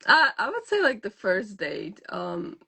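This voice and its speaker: A woman's voice: medium pitch, wildly swooping pitch, a little slow, creaky, bright, forceful tone, slightly rough. A young woman from Ukraine, talking casually in an interview, chatty, with many fillers and laughs.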